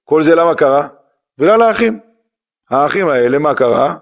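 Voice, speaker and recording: A middle-aged rabbi giving a sermon, driving points home with rhetorical questions and repetition. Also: male voice, a little high.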